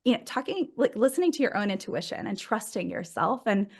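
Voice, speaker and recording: A woman's voice: medium pitch, sing-song, brisk, a little mellow, husky. A woman in her thirties talks as a podcast guest, bubbly and casual. She laughs often and fills her sentences with "like" as she tells her story. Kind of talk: casual conversational interview.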